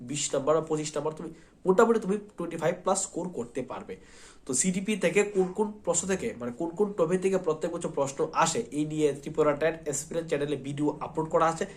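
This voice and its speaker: Fast-talking high-voiced male teacher. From Tripura, India. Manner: repetitive, reassuring, checks in often with "thik ache". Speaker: exam coaching teacher. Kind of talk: spoken exam-prep lesson.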